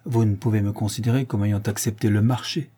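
Man doing a haughty widowed marquise, curt, cold, pitched high, dark husky timbre, storybook reading. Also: animated, moderate pace. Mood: cold, imperious. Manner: curt and imperious. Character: proud, cold widowed marquise, imperious woman. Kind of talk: audiobook character reading.

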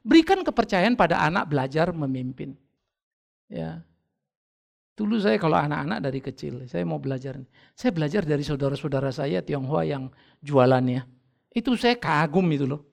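A man's voice: a little high, normal speed, creaky. A middle-aged man preaching a sermon, telling stories with humor and acting out family conversations. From North Sumatra, Indonesia. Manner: lively storytelling, acting out family dialogues with humor. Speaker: pastor.

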